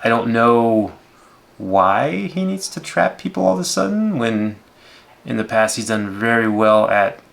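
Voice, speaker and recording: A man's voice: medium pitch, big pitch swings, measured pace, gravelly, fairly bright tone. A man in his thirties hosting a movie reaction, giving casual, unscripted commentary with rambling asides.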